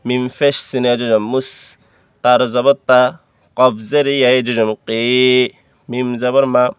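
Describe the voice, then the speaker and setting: Slow, flat-voiced Bangladeshi Bengali Quran teacher. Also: male voice, medium pitch, clear, resonant tone, no room sound. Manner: spells letters and vowel marks one by one, then recites drawn out. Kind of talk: slow spelled-out Quran recitation lesson.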